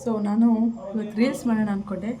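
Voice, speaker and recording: A woman filming a casual home vlog, talking gently and coaxingly as a mother and chatting to her viewers. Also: mid-range voice, fairly even intonation, fast talker, crowd noise. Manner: gentle, coaxing, soft-spoken. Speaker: vlogger and mother.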